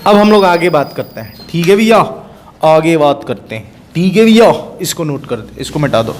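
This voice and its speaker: High-voiced man teaching physics. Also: expressive, moderate pace, a little hiss or hum. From India. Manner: repeats questions and answers them himself; mixes Hindi with English terms. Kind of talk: exam-prep lesson.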